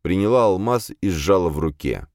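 A man narrating a first-person fantasy audiobook in a measured, wry tone. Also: sits low, lively intonation, a little mellow, no room sound, studio quality.

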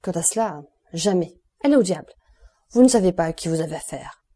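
A woman's voice: lowish voice, moderate pace, dark tone, husky. A woman voicing an indignant, starving male banker held prisoner, protesting haughtily in an audiobook reading.

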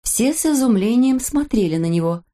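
Female narrator for a children's story: measured, expressive reading with animated intonation. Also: fairly high pitch.

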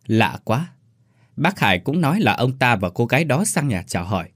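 A man's voice: medium pitch, sing-song, moderate pace, a bit bright, breathy edge, no echo, studio quality. A man voicing a puzzled young man musing to himself. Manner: musing, wondering.

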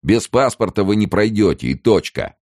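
A male narrator voicing a rough, bullying border gendarme who barks orders and threats. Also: fairly low pitch, animated, normal speed, dry recording, studio quality, voice pushed up. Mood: gruff. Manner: barking orders, shouting. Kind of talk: audiobook character voice.

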